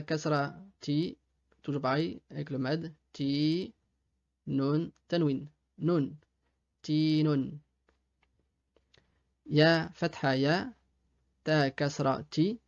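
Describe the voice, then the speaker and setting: A man's voice: fairly high pitch, darkish tone, lo-fi sound. A male teacher giving a reading lesson, patiently spelling out sounds letter by letter. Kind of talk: slow step-by-step reading lesson. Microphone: desktop USB mic.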